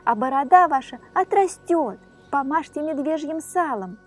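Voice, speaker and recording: Woman voicing a grasping old storybook fisherwoman, sly and wheedling, raised high voice, soft music behind. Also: animated, moderate pace. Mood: pleading, sly.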